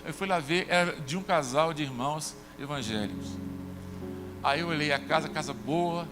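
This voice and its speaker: Brazilian man, pastor, sermon storytelling, acted dialogue, long church reverb, music behind. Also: moderate pace. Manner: conversational storytelling, acts out dialogue with shifts in pitch. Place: church sanctuary.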